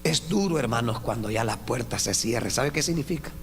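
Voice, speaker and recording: A man preaching an impassioned sermon as a pastor, swinging from hushed words to shouts and calling out to the brothers. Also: mid-range voice, expressive, moderate pace. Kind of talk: Spanish evangelical sermon. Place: church. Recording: church hall reverb with faint hum.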